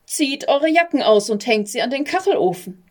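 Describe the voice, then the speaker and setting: A woman's voice: high-pitched, expressive, normal speed, pitched above the performer's own voice. A woman voicing a kindly, bewildered prince who grumbles orders at children in a storybook. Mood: gruff.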